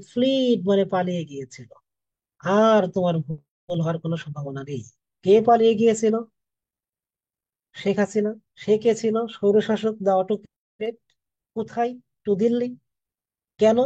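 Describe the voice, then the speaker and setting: A soft-spoken Bangladeshi man in his thirties teaches an online English class for admission coaching. His voice is high-pitched, the recording has no echo, and the high frequencies are cut off.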